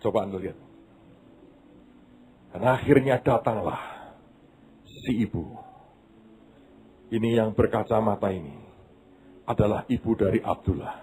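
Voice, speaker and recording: A male pastor telling a story in a sermon, dramatic and swinging between loud and hushed delivery. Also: fairly low pitch, expressive, measured pace, pauses often, slight background noise.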